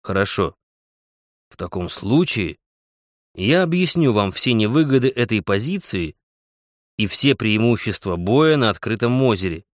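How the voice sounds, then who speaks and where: A man's voice: lowish voice, sing-song, a little slow, no echo, studio quality. A man voicing a shrewd, cautious old trapper who explains his plans at length in an audiobook. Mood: lecturing.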